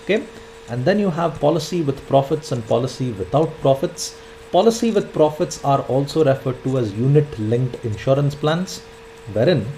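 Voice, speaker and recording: Twenties male instructor, mellow voice, repeats himself, faint background noise. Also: fairly high pitch, low-quality recording. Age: 20s. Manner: filler-heavy, repeats points, says "in fact" often. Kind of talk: explanatory e-learning lecture.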